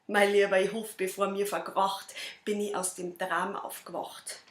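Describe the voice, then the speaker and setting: A woman with a Bavarian accent, a cabaret performer reciting a dialect poem in a measured, rhythmic way. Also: mid-range voice, flat delivery, echoey room. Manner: measured, rhythmic verse delivery.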